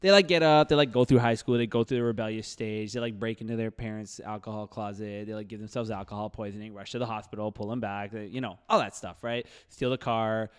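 A man in his thirties talks casually into a close podcast mic. He rambles in a slangy, animated way, peppering his speech with "like". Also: lowish voice, fast, few pauses, clear, resonant tone. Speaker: podcast host. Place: dark indoor podcast studio. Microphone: close podcast mic on boom arm.

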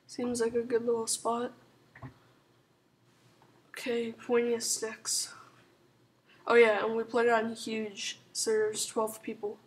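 Clearly sick with a sore throat, a gaming channel host speaks hoarsely and softly while commenting casually on a strategy game, rambling and hedging with plenty of "like" and "um." Her somewhat high voice stays flat and even, moving slowly with frequent pauses over a faint hiss.

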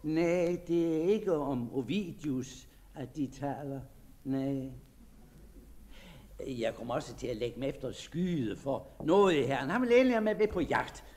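A man gives a dramatic first-person reading of a diary in a fairly high voice. He sounds shy and hesitant, stumbles over his words, and sinks into soft, dreamy tones. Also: animated. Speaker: narrator.

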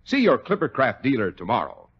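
With huge pitch swings, a mid-range voice, a breathy edge and a fairly quick pace, a young adult American man gives a heavily acted turn. He's the genial, polished announcer and emphatic salesman visiting an old doctor in a scripted 1940s radio show, captured on a dull, lo-fi recording of that era.

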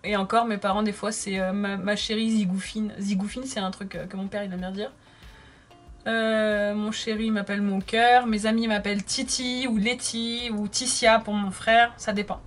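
A woman's voice: medium pitch, flat delivery, moderate pace, faint music behind. A woman in her thirties chatting casually while doing her makeup, reading viewer comments aloud and answering them. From France. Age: 30s. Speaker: makeup vlogger.

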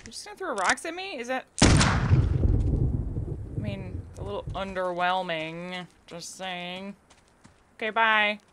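A woman's voice: mid-range voice, animated, slow, long pauses. A young adult woman giving casual live gameplay commentary, playfully musing aloud to herself. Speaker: video game streamer. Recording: clearly noisy live stream with clicks.

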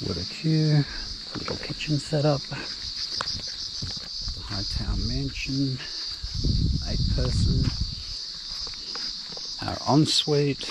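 Australian man, laid-back campsite tour, slow easy delivery, outdoor action-cam sound with music bed. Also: medium pitch, very noisy. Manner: relaxed, plain-spoken, unhurried tour guide. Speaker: camping vlogger. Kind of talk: casual walk-through narration. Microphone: handheld action camera.

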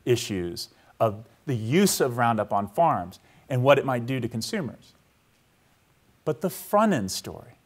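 A man's voice: medium pitch, big pitch swings, measured pace. Conversational male lecturer telling a story. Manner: conversational, keeps checking in with the audience; storytelling, asks listeners to picture a scene. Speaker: university history lecturer. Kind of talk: public lecture to a live audience. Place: lecture hall.

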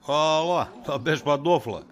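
A man's voice: on the high side, lightly acted. A man playing a teasing, cagey friend. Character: teasing friend, middle-aged man named Kostas. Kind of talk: comedy sketch acting.

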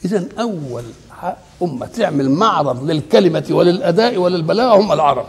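A man's voice: on the high side, lively intonation, fast. A man with an Egyptian Arabic accent giving a religious lecture on Quran commentary, often asking his listeners rhetorical questions for them to complete. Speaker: Quran teacher. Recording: long hall reverb.

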